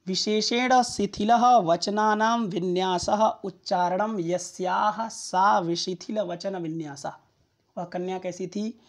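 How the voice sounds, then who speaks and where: A patient woman Sanskrit teacher, walking students through a classical text phrase by phrase. She repeats explanations and checks in with the listener often. Her voice sits at a mid pitch. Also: darkish tone. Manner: repetitive, patient explaining with frequent comprehension checks.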